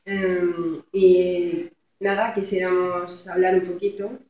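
A woman's voice: on the low side, level tone, slow pace, darkish tone. A middle-aged woman from Madrid with an accent from Spain, telling her story casually as an interview guest, hesitant and giggly. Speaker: interview guest, Buddhist practitioner. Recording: very echoey, distant, muffled microphone.

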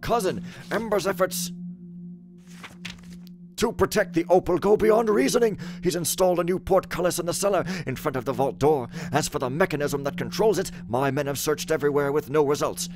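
A man's voice: fairly high pitch, fairly quick, voice pushed up, natural voice. A man acts out a scheming noble dictating a secret fantasy game letter. The voice is raised, emphatic and formal, with theatrical conspiracy in it. Game music plays behind. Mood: conspiratorial, emphatic. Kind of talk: dramatic letter read-out in a game video.

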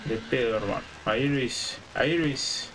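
A man's voice: medium pitch, normal speed, a bit bright, slight background noise, poor audio. A man in his thirties with an Argentine accent, chatting casually while he plays a game on stream. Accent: Argentine Spanish. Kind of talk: casual chat while playing. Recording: game gunfire and rain behind. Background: war game sounds.

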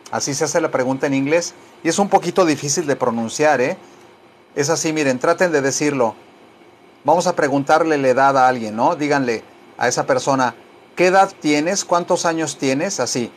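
A man teaching English in a casual lesson, drawing out model phrases slowly for students to repeat and breaking into playful asides. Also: fairly high pitch, a little hiss or hum. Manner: playful asides, mock radio-DJ patter and sung snatches.

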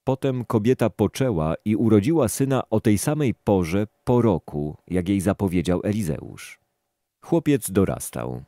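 A man reading scripture aloud in a calm, even, measured manner. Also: on the low side, no room sound, studio quality. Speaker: scripture reader.

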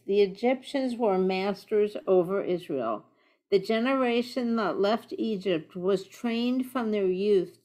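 A woman's voice: mid-range voice, dark tone. A woman in a virtual study group, reading a commentary aloud carefully over a video call.

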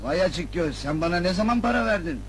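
An actor playing an indignant shopkeeper bickering in a comedy sketch clip. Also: male voice, high voice, expressive, fast talker, faint music behind. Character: proud touchy male shop owner.

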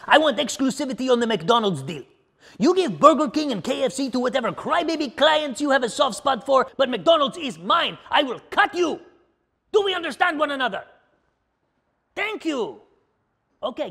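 A man's voice: extremely high pitch, very animated, brisk, creaky, bright, forceful tone, full character voice. An actor playing a slick, crude, evasive talent agent in a scripted comedy, blustering and stammering as he wheedles. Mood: bossy.

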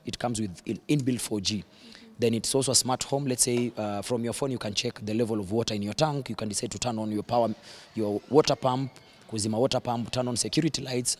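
Fast-talking Kenyan man giving a factory tour. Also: fairly low pitch, slight background noise. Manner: mixes Swahili and English, points and gestures while explaining. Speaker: factory guide. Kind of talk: casual guided tour explanation. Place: large indoor electronics factory floor. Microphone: handheld mic held by interviewer.

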